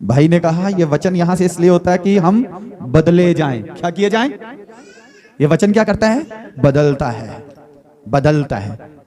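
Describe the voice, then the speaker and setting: High-voiced pastor preaching call-and-response. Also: male voice, a little slow, pauses often. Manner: animated call-and-response preaching, quizzing the congregation. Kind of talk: sermon.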